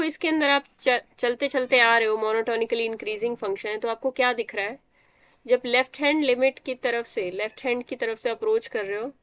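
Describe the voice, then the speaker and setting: A woman's voice: a little high, no room sound. Woman teaching math, dry close sound. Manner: explains step by step, quizzing students with questions. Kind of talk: live online math class.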